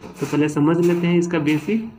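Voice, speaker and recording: Man, fairly high voice, grammar teacher, spells words out slowly, keeps checking in, faint hiss behind. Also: mellow. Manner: repetitive, frequent "ठीक है" and "है ना" check-ins. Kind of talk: classroom-style lesson.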